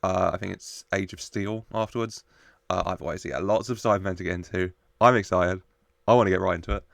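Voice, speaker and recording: Low, creaky man reacting casually. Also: steady tone, fast, fairly bright tone, dry recording, clean studio sound. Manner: jokey, chuckles often while talking. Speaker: host of a reaction show.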